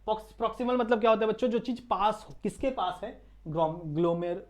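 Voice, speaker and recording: A man's voice: high voice, fast. A male teacher with an Indian accent gives a casual online science lesson, often asking his students questions and then answering them himself. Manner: quizzes students with repeated questions. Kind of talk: casual classroom lecture.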